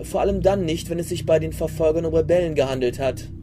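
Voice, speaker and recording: An actor playing a calm, cultured and commanding space admiral in a sci-fi audio drama, speaking with measured, coolly didactic authority. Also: male voice, on the high side, noisy background, natural voice. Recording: loud music behind the voice.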